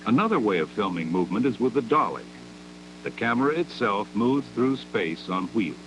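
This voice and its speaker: A man with a lowish, animated voice narrates a scripted 1960s educational film, using measured, didactic delivery and deliberate phrasing. The old 16mm soundtrack has a noisy background.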